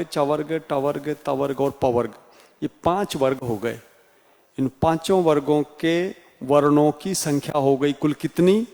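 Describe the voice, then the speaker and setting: A man teaching a Hindi class in a slow, deliberate way with a Rajasthani accent, sounding out each letter one by one. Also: on the high side, darkish tone. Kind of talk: classroom lecture. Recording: reverberant room sound.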